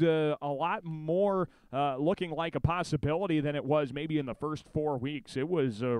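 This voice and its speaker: American guy doing radio football pregame talk, smooth clear voice, dry booth sound. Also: medium pitch, no room sound, poor audio. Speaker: sports director and play-by-play announcer. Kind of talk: pregame radio sports commentary.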